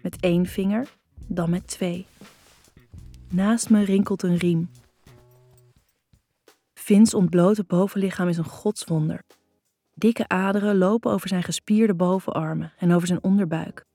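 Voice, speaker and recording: A woman reading a first-person story aloud in a slow, intimate audiobook narration. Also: fairly low pitch, steady tone, mellow, dry recording, soft background music.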